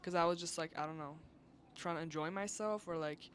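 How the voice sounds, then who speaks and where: A woman vlogger telling a story in a casual, animated rant, filling her talk with "like" and swearing when she is exasperated. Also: lowish voice, fairly quick, a little hiss or hum.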